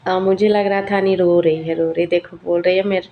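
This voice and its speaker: A chatty young woman narrates her family vlog in a low, fairly level voice. She tells her story in a relaxed, conversational flow. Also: a little fast, phone-quality sound. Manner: chatty, storytelling, laughs often. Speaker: vlogger and mother.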